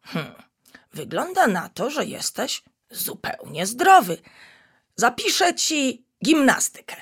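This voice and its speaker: A woman's voice: on the high side, big pitch swings, slow, fairly bright tone, breathy edge, pitched above the performer's own voice, exaggerated voice. Woman voicing an old baboon doctor, humming. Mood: thoughtful. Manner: thoughtful, murmuring hums. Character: old wise male baboon doctor, fussy.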